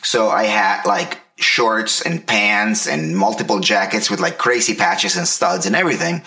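A man's voice: on the low side, sing-song, unhurried, creaky, bright, forceful tone. A man in his early forties telling stories in a casual, slangy, profane way as a podcast host. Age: early 40s. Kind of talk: casual anecdotal storytelling.

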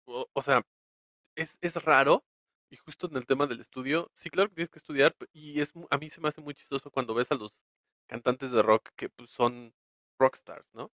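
A man's voice: mid-range voice, moderate pace, a bit bright, no room sound, studio quality. A man with a Mexican accent co-hosting a podcast, chatting casually, laughing often and trailing off mid-thought. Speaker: podcast co-host. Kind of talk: casual chat.

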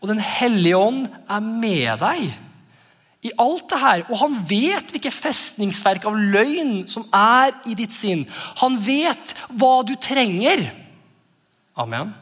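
A lively male pastor in his thirties preaches in a high, swooping voice that rises and falls constantly. He laughs often and slips into playful voices for his children. His words ring out with a long church-hall reverb. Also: breathy edge. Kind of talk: sermon.

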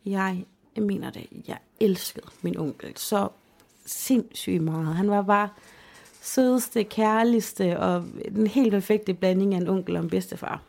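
A woman's voice: mid-range voice, gravelly, darkish tone. A young woman co-hosting a casual chat, telling a personal story in an emotional, chatty way with many fillers. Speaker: podcast co-host.

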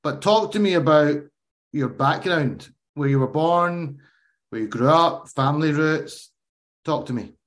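A man's voice: on the high side, lively intonation, measured pace. A man hosting a casual interview, asking friendly, chatty questions and often restarting his phrases. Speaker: interview host.

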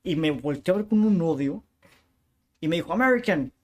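A man's voice: fairly high pitch, moderate pace. A man from Tijuana with a northern Mexican accent, a bookshop owner telling stories in a casual interview with slangy asides. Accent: northern Mexican Spanish. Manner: lively storyteller with slangy asides.

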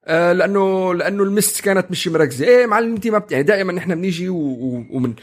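A man co-hosting a casual parenting chat, animated and full of restarts. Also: sits high, rapid-fire. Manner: animated, acts out children's voices, many restarts. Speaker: podcast co-host.

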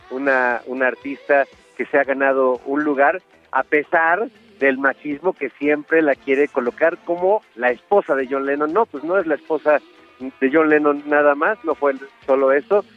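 Halting Mexican male radio host, dull sound. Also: on the high side. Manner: halting, playful. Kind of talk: casual opening monologue. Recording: dull radio sound over faint music.

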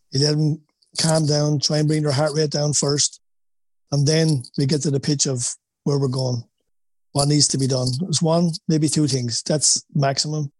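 An Irishman speaks in a Wexford accent, his voice sitting a little high and recorded fairly dry. He talks as a coach in an interview, conversational and anecdotal, restating points for emphasis and often dropping in "you know". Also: darkish tone, dry recording, rough recording. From Wexford, Ireland. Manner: peppers talk with "you know", emphatic repetition. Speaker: boxing coach, former boxer.

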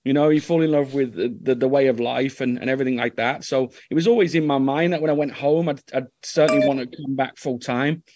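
A man's voice: medium pitch, fairly even intonation, quick pace, hardly any pauses, a little mellow, slight background noise. A man with a Birmingham accent chatting casually as a guest, rambling a little and repeating words as he goes. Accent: Birmingham (Brummie). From Birmingham, England. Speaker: guest, youth football coach. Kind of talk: casual chat.

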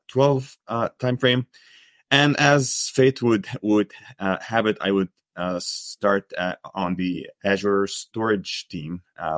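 A man's voice: on the low side, dry recording, clean studio sound. A man in his thirties from Egypt, a podcast guest, talking hesitantly with many fillers. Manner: hesitant, full of uh and like, restarts. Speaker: guest researcher. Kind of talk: casual podcast interview.

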